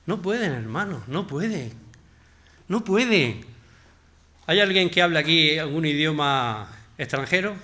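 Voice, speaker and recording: Animated Spanish male preacher. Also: fairly high pitch, measured pace. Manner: animated, conversational, swings from loud emphasis to quiet asides. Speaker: pastor. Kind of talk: sermon.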